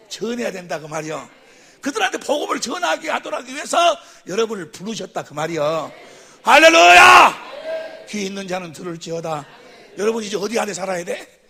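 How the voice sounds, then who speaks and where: A man preaching at a church seminar, who keeps quizzing the audience and calling for amens, sometimes bursting into shouts. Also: high-pitched, husky. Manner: quizzes the audience with constant questions; calls for amens after each point. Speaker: pastor. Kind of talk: seminar sermon teaching.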